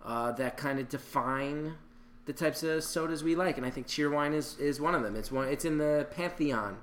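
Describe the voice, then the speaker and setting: A man's voice: a little high, normal speed. A man co-hosting a podcast, chatting casually and enthusiastically, drifting off on tangents. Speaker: podcast co-host. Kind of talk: casual chat.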